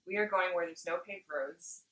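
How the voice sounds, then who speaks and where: Woman host, supportive interviewer, lower pitch, sits back from the mic in an echoey room. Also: moderate pace, sharp tone, far from the mic. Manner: supportive, leading questions, fillers.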